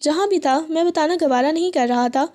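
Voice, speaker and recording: A woman voicing a cold, short-tempered young husband, talking curtly and dismissively in a high, mellow voice. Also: close to an everyday voice. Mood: harsh. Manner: curt, dismissive.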